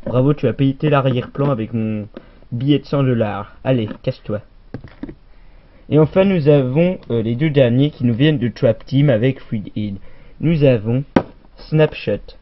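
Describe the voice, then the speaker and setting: A man's voice: medium pitch, normal speed. A man hosting a comedic toy-figure show as a goofy mock presenter, jokey and brusque. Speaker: host. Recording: muffled lo-fi recording.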